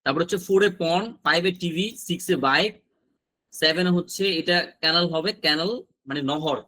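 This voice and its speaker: A man's voice: a little high, bright, forceful tone. A male teacher gives a class lesson, repeating each word pair and answering his own questions. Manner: repetitive drilling, asks and answers own questions.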